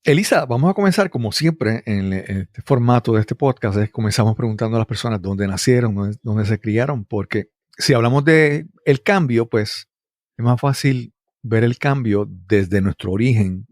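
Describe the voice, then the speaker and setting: A man hosting a podcast interview, opening with measured, deliberate introductions before asking questions. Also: lowish voice, darkish tone, no echo, clean studio sound. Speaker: podcast host.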